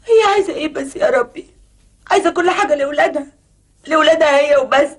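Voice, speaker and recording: An actress playing a shrill wailing scheming wife. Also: female voice, fast talker, lightly acted. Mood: wailing hysterical. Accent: Egyptian Arabic.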